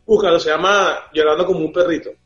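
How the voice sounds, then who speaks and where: An excitable man co-hosting a casual podcast, his voice a touch high and quick to break into laughter. The recording is roomy and a little dull. Faint music plays underneath. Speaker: podcast co-host. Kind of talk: casual chat.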